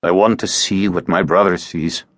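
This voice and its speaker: A man's voice: low-pitched, fairly even intonation, normal speed, no echo, clean studio sound. A man playing a young male sorcerer mourning his brother, with a tight, grim, resolute manner. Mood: hushed insistent.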